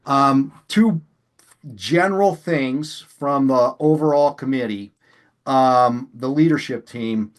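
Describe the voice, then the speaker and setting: A man's voice: medium pitch, slow. Folksy man chairing a meeting. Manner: folksy, chatty, self-deprecating. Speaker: committee chair. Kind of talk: casual meeting presentation.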